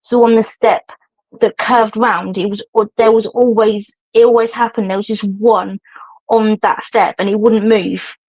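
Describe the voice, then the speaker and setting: Middle-aged woman hosting a livestream, rambling and laugh-prone, mid-pitched voice, muffled audio. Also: fairly even intonation, measured pace, a little mellow, slightly rough. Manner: chatty, rambling, laughs often. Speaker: livestream host. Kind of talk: casual chat to viewers. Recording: dull lo-fi stream audio.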